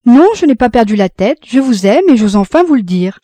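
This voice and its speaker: A man's voice: very high voice, big pitch swings, a little fast, dark tone, no room sound, voice pushed up, exaggerated voice. A woman voicing a young man in love who speaks in an earnest, pleading way. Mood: ardent.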